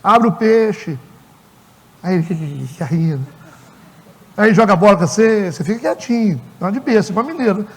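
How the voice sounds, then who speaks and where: A man with a Brazilian accent preaches in a high, husky voice and acts out everyday dialogues to make his points. The sermon echoes through a church hall with a long reverb. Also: moderate pace, pauses often. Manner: animated, acts out dialogues in character. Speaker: pastor. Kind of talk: conversational sermon.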